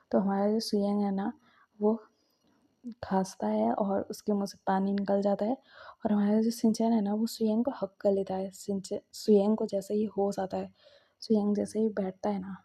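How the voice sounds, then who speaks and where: Husky, gravelly woman telling a story. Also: medium pitch, warm tone. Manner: chatty, with frequent conversational fillers. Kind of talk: casual fan-fiction storytelling. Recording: dull lo-fi recording.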